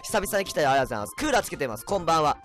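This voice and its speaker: A man chatting on a casual home livestream, a bit tipsy, reading comments with a rambling, erratic manner and sudden loud outbursts. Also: fairly high pitch, big pitch swings, racing, faint music behind. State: tipsy from drinks. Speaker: livestreamer, band vocalist. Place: at home, indoors. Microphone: cheap desk mic.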